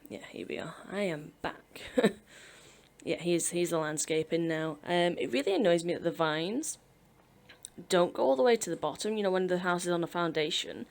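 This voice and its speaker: A British woman in her twenties, with a lowish voice, vocal fry and a moderate pace, chats casually over gameplay as a Sims speed-build YouTuber. She rambles through her video game build in a chatty, self-deprecating way, laughing often.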